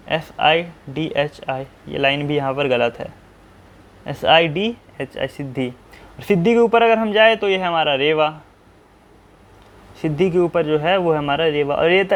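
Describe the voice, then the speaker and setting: Guy with a high voice doing a map tutorial, spells stuff out letter by letter, keeps asking himself questions. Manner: spells place names letter by letter, slowly; asks himself questions and answers them. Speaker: teacher.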